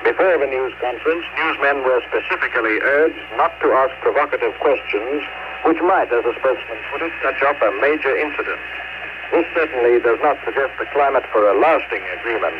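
A man of medium pitch files a scripted foreign news report. His delivery is formal and declarative. The sound is narrow and tinny, like a shortwave feed with clear noise over it. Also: brisk. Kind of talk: scripted radio news dispatch.

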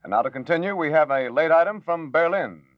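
Man, radio newsreader, measured formal announcing, old newsreel-style broadcast, dull lo-fi sound. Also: on the high side, animated, no echo. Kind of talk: formal 1940s radio news bulletin.

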